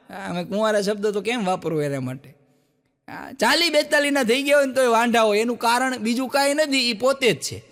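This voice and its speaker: A man telling folk jokes on stage, acting out each character in his stories. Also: long reverb tail. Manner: animated storyteller, acts out quoted characters with jumps in pitch. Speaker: stand-up joke teller. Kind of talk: Gujarati folk joke telling to a live audience. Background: audience laughter.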